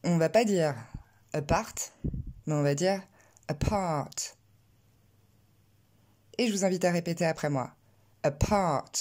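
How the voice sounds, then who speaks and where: A woman giving a pronunciation lesson, speaking clearly and deliberately and slowing down to model words for her students to repeat. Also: fairly low pitch, mellow. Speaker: English pronunciation teacher. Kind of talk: scripted online lesson.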